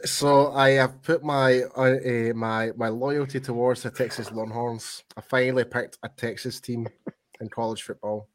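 A man co-hosting a casual sports fan podcast, talking in an animated, rambling way and laughing easily. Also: medium pitch, normal speed. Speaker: podcast co-host.

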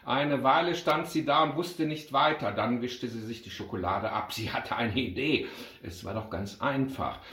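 A man's voice: medium pitch, moderate pace, fairly bright tone. A man expressively reading a children's story aloud, then addressing his friends. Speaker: reader and club speaker. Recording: roomy echo.

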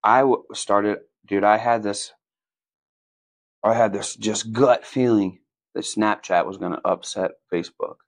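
A male podcast host with a lowish voice who talks with upbeat energy. He nudges his guest's stories forward and chimes in to finish their sentences. The recording is close-miked and dry. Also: steady tone, measured pace, no room sound. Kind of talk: casual interview chat.

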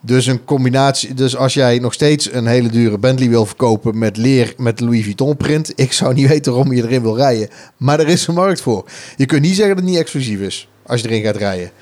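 A man's voice: mid-range voice, fairly quick, hardly any pauses, darkish tone. A man co-hosting a podcast, thinking aloud in casual chat with frequent hesitations. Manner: musing, many fillers and restarts. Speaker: podcast co-host. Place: office studio.

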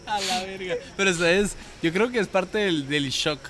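A man's voice: high voice, unhurried. Young Guatemalan man, casual storyteller. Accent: Guatemalan Spanish. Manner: relaxed, quotes others with laughs.

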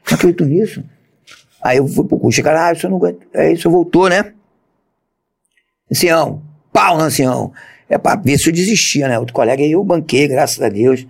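Rio cop guy, gravelly husky voice, talks super fast, acts out everyone in his stories. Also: on the high side. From Brazil. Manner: animated storyteller acting out quoted voices, coarse slang. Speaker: police officer guest. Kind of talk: casual storytelling interview.

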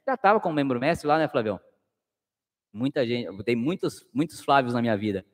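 A man's voice: medium pitch, lively intonation, brisk, in a large hall. A man with a Brazilian Portuguese accent hosting a casual live stream and reading viewer messages. He talks in an informal, slangy, fatherly way and calls his viewers nephews.

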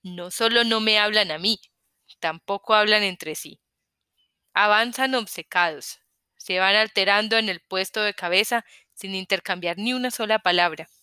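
Bright, crisp female audiobook narrator. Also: mid-range voice, no echo, clean studio sound. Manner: measured, first-person storytelling. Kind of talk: scripted narration.

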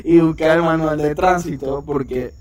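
Young man, high-pitched, animated slangy storyteller among friends. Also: normal speed. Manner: animated, slangy, acts out his own past lines with nervous laughs. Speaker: podcast co-host telling a story.

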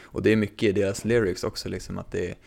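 A man's voice: low-pitched, gravelly. A man who works as a DJ, chatting casually in a rambling way with lots of fillers. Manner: relaxed, rambling, many fillers. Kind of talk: casual chat.

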